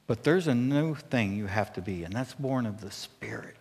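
This middle-aged American pastor has a lowish, slightly mellow voice with a breathy edge, speaking at normal speed in an animated, conversational sermon. He's earnest and emphatic, often checking in with his audience from the pulpit of an indoor church stage, where the hall echoes with long reverb.

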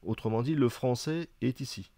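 A man's voice: mid-range voice, normal speed, dark tone, dry recording, studio quality. A man giving a casual, explanatory review, talking hesitantly with many fillers and chatty asides. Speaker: video presenter reviewing books.

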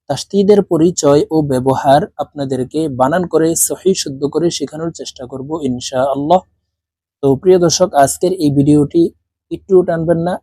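A man teaching Quran recitation, explaining the rules and then spelling letters slowly, one syllable at a time, for learners to repeat. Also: on the high side, warm tone, slightly rough, dry recording, clean studio sound. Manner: slow, deliberate syllable-by-syllable spelling for the class to repeat. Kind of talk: spoken lesson with spelled-out drills.

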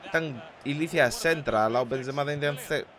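A young man from Cyprus giving excitable live commentary over a football video game, swearing at the game and mixing in English slang. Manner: bursts into high shouting at goals. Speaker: gaming YouTuber.

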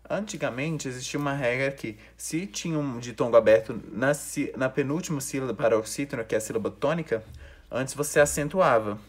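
Young guy teaching a recorded grammar lesson, explains step by step, mid pitch, trips and restarts words now and then. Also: a little fast, slightly rough.

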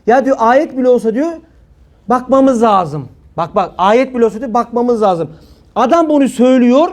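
A man's voice: very high voice, expressive, normal speed. A man giving an impassioned sermon-style talk, scolding his listeners with rhetorical questions. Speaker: religious preacher.

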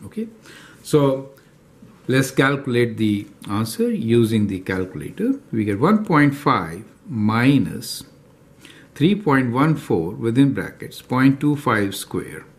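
A man teaching a recorded math lesson, working through problems step by step and often checking in with "right?" and "is that clear to you?". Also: medium pitch, very animated, slow pace. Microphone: off-camera voice over handwritten notes.

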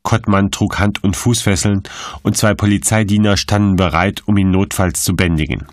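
A man narrating an audiobook in a steady, even storytelling manner. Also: lowish voice, normal speed, no echo, clean studio sound. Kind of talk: scripted narration.

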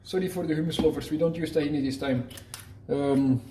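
A Dutch man cooks at home for his vlog, keeping things playful and jokey while restarting phrases midway. His voice is on the high side, steady in tone, mellow, and fairly quick. The audio, from a handheld camera mic that moves, has kitchen echo, frying sizzle, and a little hiss or hum.

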